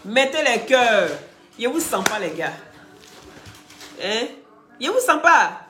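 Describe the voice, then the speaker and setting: A woman with a head cold, ranting loudly on a live stream, teasing and scolding. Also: a little high, sing-song, takes it slowly, echoey room, background noise. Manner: talks loudly, teasing and scolding, often laughing. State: head cold, blocked ears. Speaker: live streamer and gossip commentator. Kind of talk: casual live-stream rant.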